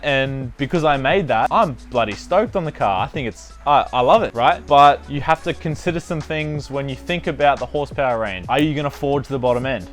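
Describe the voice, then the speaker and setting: A man talking casually to camera as a car vlogger, with slangy, sweary and emphatic phrasing, with rain on a tin roof. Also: medium pitch. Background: rain on tin roof, faint music.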